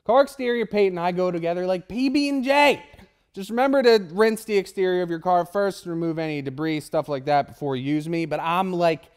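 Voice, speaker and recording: A man's voice: sits high, a little fast, smooth, natural voice. A man voicing a cocky, trash-talking sponge candidate, smug and slangy, in a comic mock debate. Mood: boastful.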